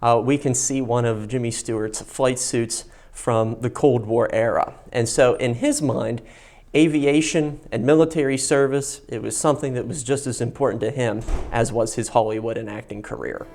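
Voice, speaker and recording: A man with a mid-range voice presents a guided history tour on location. He explains things informally, in measured phrases, and stresses key words as he goes. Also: medium pitch, steady tone, a little mellow. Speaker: host of a history and film channel, guiding a museum tour. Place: inside a museum gallery.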